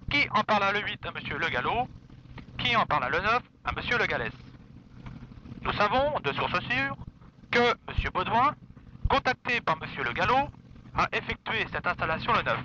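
A man reads a mock-official bulletin in a deadpan, formal manner. His voice is high, very bright and sharp, and his pitch moves a lot. The recording is dull and lo-fi, with faint noise behind him. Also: normal speed.

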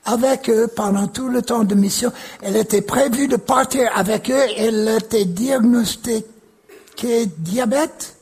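Slow, very husky-voiced male preacher. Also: extremely high pitch. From United States. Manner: animated, leans into repeated words. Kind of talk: storytelling sermon.

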